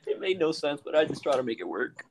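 A man's voice: fairly high pitch, big pitch swings, quick pace, a little hiss or hum. A young man on a podcast, telling wry stories from his childhood and swearing casually. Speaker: podcast co-host. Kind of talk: casual chat.

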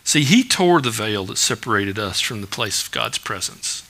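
A man's voice: on the low side, animated, moderate pace, vocal fry, bright, forceful tone. A man preaching a sermon as a pastor, talking in a conversational, folksy way with homely stories and asides.

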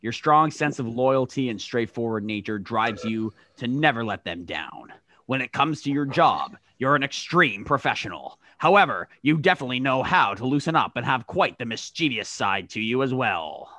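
A man co-hosting a casual podcast who jokes, exclaims, and reacts with animated disbelief. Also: mid-range voice, normal speed. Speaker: podcast co-host.

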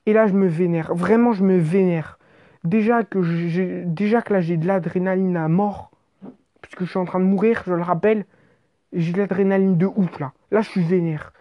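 A woman narrating an exaggerated comic story in an animated, slangy way, with swearing. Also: on the low side, normal speed, dull audio.

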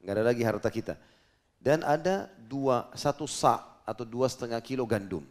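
A man's voice: animated, normal speed, natural voice. A male preacher voicing a thrifty, sensible young wife in a retold story, in a raised voice. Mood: practical. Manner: raised pitch and louder when voicing the wife.

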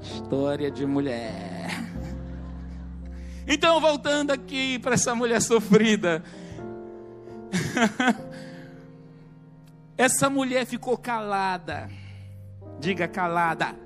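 A man preaching a sermon in a church service, telling stories in an animated way and calling on the congregation to respond. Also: high-pitched, takes it slowly, long pauses, over music. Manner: animated storytelling, calls on the congregation.

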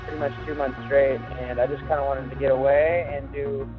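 A man's voice: medium pitch, level tone, a little fast, over music. A man in his twenties from Virginia, casually telling a story over the phone, loose and rambling with lots of restarts. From Virginia, USA. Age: 20s. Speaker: guest surfer telling a story. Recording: tinny telephone line.

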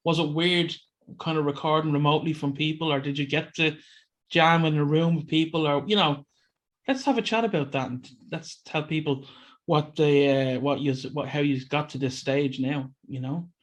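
A man's voice: on the high side, steady tone, normal speed. A man with an Irish accent hosting a casual chat in an informal, bantering way. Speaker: podcast host. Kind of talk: casual chat, introducing guests.

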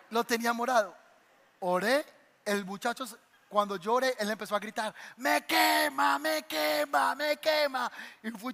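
Male pastor, lively storyteller, bright tone, long church-hall reverb. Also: sits high. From Colombia. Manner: animated storytelling, acts out voices. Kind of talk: sermon. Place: church sanctuary.

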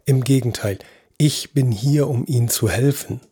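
A man voicing a calm, patient male neurosurgeon who speaks in a soft-spoken, reassuring way. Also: mid-range voice, moderate pace, husky, dry recording, clean studio sound, natural voice. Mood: soothing. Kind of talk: audio drama acting.

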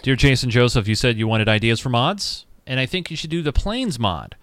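Smooth-voiced man co-hosting a podcast. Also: medium pitch, lively intonation, fairly quick, a bit bright, dry recording. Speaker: podcast co-host. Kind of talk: casual chat, reading listener emails.

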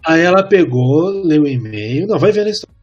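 A man, telling a work story in a casual podcast chat and acting out the dialogue with animated energy. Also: a little high, a little fast, slightly rough, dull audio, soft background music. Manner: animated, acts out quoted dialogue. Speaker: podcast co-host.

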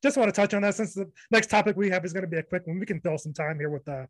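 Speaking very fast in a high-pitched voice, this man hosts a sports podcast, directing the segments and chatting casually in a blunt, dismissive way. Fasting has left him low on energy, and the echo-free recording is poor in quality.

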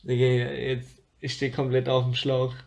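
A young man playing a guessing game, excitable and slangy, exclaiming a lot. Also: medium pitch, measured pace, creaky. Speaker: guessing player. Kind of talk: casual chat.

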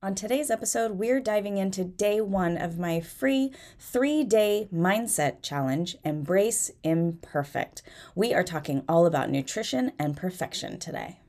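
A woman's voice: mid-range voice, animated, unhurried, a little mellow. A woman in her thirties with a nasal, head-cold voice, chatting informally and candidly as a solo podcast host. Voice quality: nasal, congested. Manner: informal, candid, self-deprecating. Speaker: podcast host and fitness coach.

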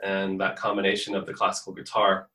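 A man with a bright, forceful voice gives a guest's answers in an interview, earnest and reflective, restarting phrases as he works out his thoughts. The recording has a roomy echo around him. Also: low-pitched, completely flat delivery, brisk, distant mic. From born in the US, raised in Portugal from fifteen. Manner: earnest, thinks aloud with restarts. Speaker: musician guest.

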